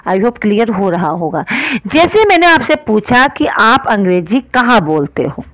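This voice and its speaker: A woman with an Indian accent teaching an online grammar lesson, often asking if things are clear and slowing down to spell out example sentences. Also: medium pitch, very animated, a bit bright, low-quality recording. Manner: explains in Hindi, often asks if it is clear.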